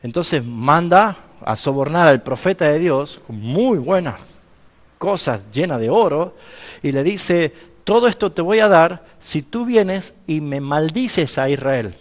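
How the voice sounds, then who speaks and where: A man's voice: a little high, expressive, unhurried, long reverb tail. A man with an Argentine accent, a pastor teaching a seminary class in sermon style, retelling Bible stories with acted-out dialogue and questions to his listeners. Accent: Argentine Spanish. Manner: storytelling, acting out dialogue, asks the audience questions.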